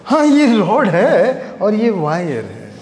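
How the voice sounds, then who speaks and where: A man's voice: high-pitched, huge pitch swings, slow, a little mellow, echoey room, in a large hall. A man teaching a physics class, joking with and teasing his students as he explains a problem. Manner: joking, scolding students playfully. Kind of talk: classroom lecture with banter.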